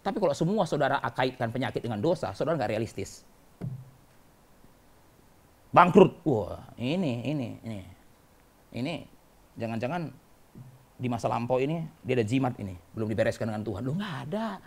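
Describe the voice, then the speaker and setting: A male pastor preaching a sermon in church, animated, mimicking quoted voices and swinging between loud and soft. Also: mid-range voice, fairly quick, long pauses.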